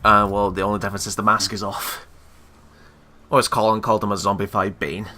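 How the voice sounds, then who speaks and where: A man's voice: lowish voice, level tone, a little fast, pushed and bright. A man casually commentating a co-op game, joking and explaining tricks to viewers. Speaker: co-host of a gaming channel. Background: game music.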